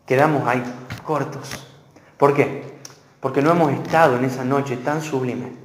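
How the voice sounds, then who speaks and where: A man with an Argentine accent preaching an expository sermon, moving between hushed solemn passages and loud, raised emphasis. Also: medium pitch. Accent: Argentine Spanish. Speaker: pastor. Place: church hall. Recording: echoey church hall with long reverb.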